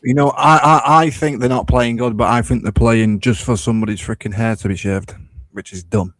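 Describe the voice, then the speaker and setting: A man in his early thirties, chatting about food and wrestling in a relaxed, easygoing way on a podcast. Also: mid-range voice, brisk, no echo. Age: 30s. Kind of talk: casual chat.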